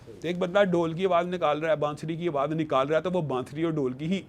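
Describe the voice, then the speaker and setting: Man, fairly high voice, emphatic, argumentative, religious panel talk. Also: fairly even intonation. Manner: emphatic, argumentative, quotes scripture. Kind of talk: studio panel discussion.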